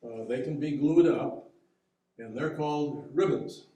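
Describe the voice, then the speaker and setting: Heard from afar in a boomy, echoing room, a man gives a local history talk, using slides to show how boats are built. As a boat builder he explains patiently, though he halts often, restarting sentences and using fillers. His voice is mellow and easygoing.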